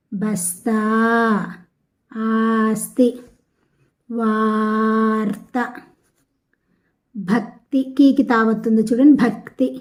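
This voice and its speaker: A woman from the Telugu-speaking south of India teaches a language lesson, taking each textbook word slowly and repeating its syllables so pupils can follow. Her voice sits a little high. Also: darkish tone. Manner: slow, deliberate, repeating words and syllables for pupils. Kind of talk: classroom lesson explaining a textbook exercise.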